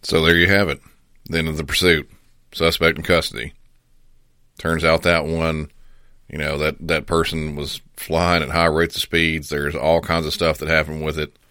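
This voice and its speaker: A man's voice: a bass voice, flat delivery, normal speed, bright, forceful tone, smooth, no room sound, studio quality. A man hosting with casual, conversational commentary. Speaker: host reviewing police pursuits.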